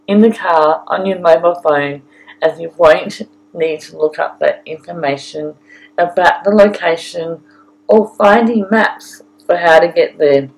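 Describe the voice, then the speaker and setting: Slow-paced Australian woman narrating, slightly creaky. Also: on the low side, poor audio. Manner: deliberate, addressing the listener directly. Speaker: photographer and travel guide narrator. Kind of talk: scripted audio-guide narration.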